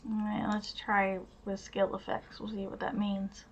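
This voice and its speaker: A woman talks to herself through a card game, reading rules aloud and grumbling at each turn. Her speech is slow and unhurried. The recording is dull and lo-fi, with a steady hiss underneath. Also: mid-range voice. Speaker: gaming channel host. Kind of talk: casual gameplay commentary. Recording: dull lo-fi sound with steady noise.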